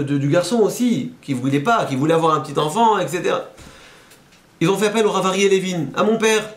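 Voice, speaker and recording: Male rabbi, storytelling sermon, fairly high voice, echoey hall. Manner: animated storyteller, voices quoted speakers, rises high at emotional peaks.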